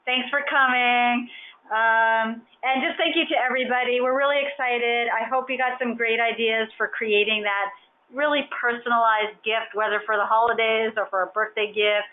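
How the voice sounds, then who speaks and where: A woman's voice: on the high side, fairly even intonation, moderate pace. A woman hosting a webinar Q&A over a video call, explaining at length in a friendly way. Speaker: webinar host. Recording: phone-like band, faint hiss.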